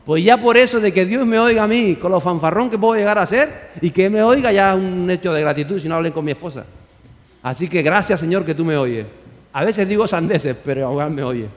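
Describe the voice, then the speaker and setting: In a large hall, a male pastor preaches a sermon in a brisk, high-sitting voice. He is emphatic, firing off rhetorical questions and calling on the congregation to repeat after him.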